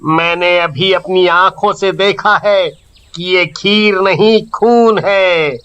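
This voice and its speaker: A man's voice: high-pitched, fairly even intonation, slow pace, a bit bright, smooth. A man voicing a greedy, gloating rich master in a cartoon, with a smug, drawling manner. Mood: terrified.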